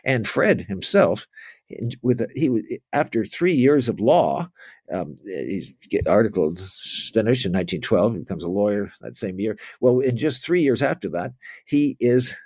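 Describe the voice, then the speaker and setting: Male history lecturer, husky and low, dry close sound, rambling delivery. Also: expressive, normal speed, darkish tone, no echo. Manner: rambling, with many restarts and asides. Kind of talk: informal spoken lecture.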